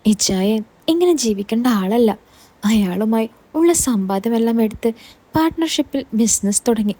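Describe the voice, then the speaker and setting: Bitter, worn-down aunt with a mellow, fairly high voice, sorrowful and resigned, as a woman reads her. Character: middle-aged woman, weary, bitter aunt.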